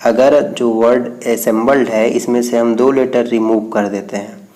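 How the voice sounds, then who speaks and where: Speaking in a warm, steady, mid-range voice, a male teacher works through an English reading exercise. He reads the English lines out slowly, then explains them one at a time.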